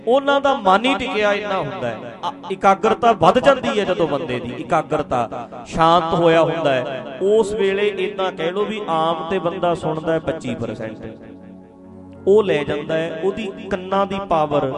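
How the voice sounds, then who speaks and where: A woman's voice: lowish voice, lively intonation, moderate pace. A woman giving a spiritual teaching talk. She explains patiently, repeats her phrases and addresses her listeners directly. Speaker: spiritual speaker. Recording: music playing behind the voice. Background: music.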